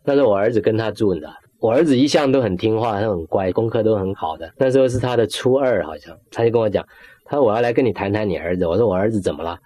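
A middle-aged man tells a personal faith testimony in a low, mellow voice. He talks with feeling and acts out his own prayers. The sound is close and dry, with no room around it. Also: very fast, no room sound. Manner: emotional storytelling, quotes his own prayers, mixes in English words. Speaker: testimony speaker.

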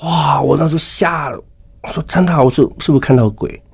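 A man's voice: fairly high pitch, quick pace, creaky, breathy edge. A middle-aged man giving a personal faith testimony as an interview guest, telling his story with emotion and acting out the dialogue.

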